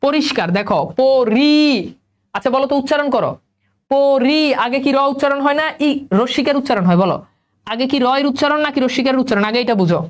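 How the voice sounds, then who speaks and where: A man's voice: extremely high pitch, very fast. A young male teacher giving a spelling lesson, repeating questions and prompting students to answer. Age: young adult.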